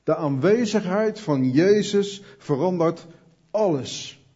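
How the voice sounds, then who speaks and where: A man's voice: high-pitched, expressive, slow pace, warm tone, husky, dull audio. A man preaching an earnest sermon, speaking directly to his listeners.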